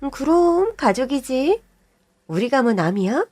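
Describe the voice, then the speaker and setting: A woman's voice: high voice, sing-song, a little mellow, no room sound, heavily acted. A woman voicing a pushy, scheming middle-aged sister-in-law who wheedles and snaps. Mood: wheedling. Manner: pushy, wheedling, quick to snap.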